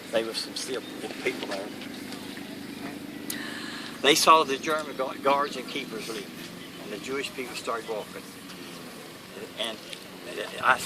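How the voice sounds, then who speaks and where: An elderly man with a Kentucky accent recalling war service in a plain-spoken, halting interview style. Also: mid-range voice. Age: elderly, 80s or older. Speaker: World War II veteran being interviewed. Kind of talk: first-hand war recollection. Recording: noisy, distant mic, vehicle-like background noise.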